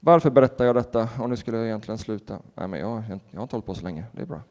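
Pastor preaching in reverberant hall. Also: male voice, on the low side. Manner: animated storytelling with laughter and acted-out quotes. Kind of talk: sermon.

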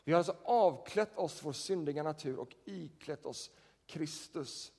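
A man's voice: fairly high pitch, darkish tone, slightly rough. A man preaching a sermon as pastor, talking in a conversational way and often posing questions to the congregation. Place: church sanctuary. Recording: long church reverb.

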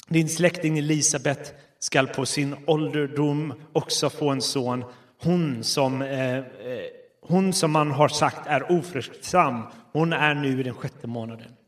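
Quiet man reading scripture. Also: mid-range voice. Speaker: scripture reader.

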